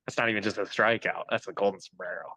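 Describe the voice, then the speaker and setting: A man's voice: fairly low pitch, steady tone, fast talker, bright, forceful tone, no echo, rough recording. A young adult man, a hitting coach, talking as a guest in a casual interview, upbeat and motivational. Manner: upbeat, motivational, pep-talk phrasing.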